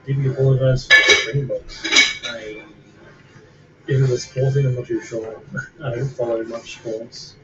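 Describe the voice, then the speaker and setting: A man from Australia chatting casually while gaming, using a deliberately posh voice. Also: mid-range voice, fairly even intonation. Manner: puts on a posh voice, laid-back chatter with laughs. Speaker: streamer. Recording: dull lo-fi stream audio with clear background noise.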